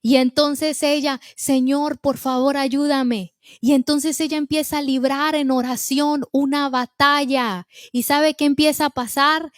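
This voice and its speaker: Woman, sermon, impassioned, high voice, dry sound. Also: fairly even intonation, unhurried, few pauses, no echo. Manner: impassioned, asks the listeners questions, acts out pleading prayers. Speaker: preacher. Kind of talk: sermon to a women's meeting.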